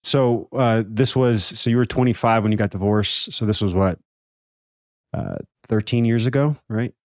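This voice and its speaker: A man's voice: on the low side, normal speed, no room sound, studio quality. A man in his thirties hosting a podcast, talking casually and rambling with repeated words and fillers. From Brazilian family background. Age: 30s. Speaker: podcast host. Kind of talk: casual conversational interview.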